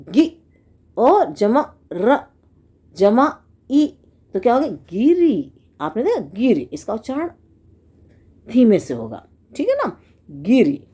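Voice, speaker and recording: Slow, lively-voiced woman teacher. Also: fairly high pitch, slightly rough. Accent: Hindi. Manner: asks questions and answers them herself, sounding out syllables slowly. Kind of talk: slow classroom explanation for children.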